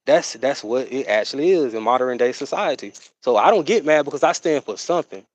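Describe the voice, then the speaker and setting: A man's voice: medium pitch, animated. A man talks to his livestream viewers in a loose, rambling way, piling on fillers and asides. His voice sits in a middle register. The sound is dry and close, with no room echo. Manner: rambling, drawn-out, full of fillers and "you know what I'm saying". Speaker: livestream host. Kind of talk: casual livestream chat.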